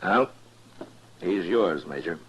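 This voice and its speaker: An American man playing a firm, plain-spoken, principled frontier marshal in an old-time radio western, measured in his delivery. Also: deep voice, expressive, lo-fi sound, noisy background. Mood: resigned, dry. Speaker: lead actor and narrator.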